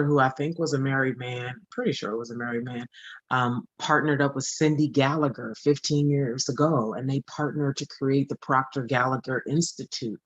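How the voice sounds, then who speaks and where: A woman's voice: very deep voice, no room sound, dull audio. A woman in her forties giving an earnest motivational talk as a spiritual coach, often repeating phrases for emphasis. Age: 40s.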